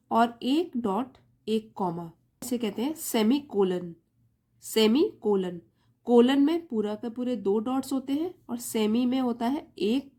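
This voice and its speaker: Mellow-voiced Indian woman teaching grammar. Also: on the high side. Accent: Indian English. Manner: patient, explains step by step, repeats key terms. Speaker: English teacher. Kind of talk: Hindi-English grammar lesson.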